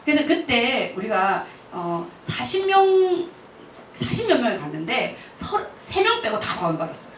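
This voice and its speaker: A woman missionary telling a personal testimony at church, lively and laughing often as she acts out her own words. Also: fairly high pitch, moderate pace. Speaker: missionary speaker. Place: church hall. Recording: roomy church hall, mic from a distance, faint noise.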